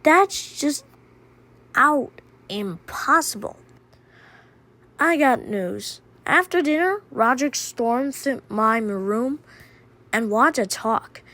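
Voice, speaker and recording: A woman with a high voice narrates a first-person diary story at a slow, unhurried pace. Her delivery is deadpan, letting each wild turn land flat.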